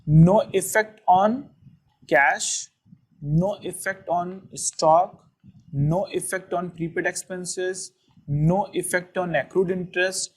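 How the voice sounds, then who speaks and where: An accounting teacher with a North Indian accent walks through a lesson step by step, asking questions and then answering them, often repeating phrases. The voice is mid-range and slightly rough, on a rough recording.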